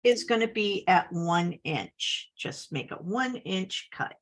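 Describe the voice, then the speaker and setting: Speaking slowly with a medium-pitched, expressive voice, this woman leads an upbeat, chatty scrapbooking tutorial full of small laughs. She's a scrapbooking instructor, and a slight cough comes through.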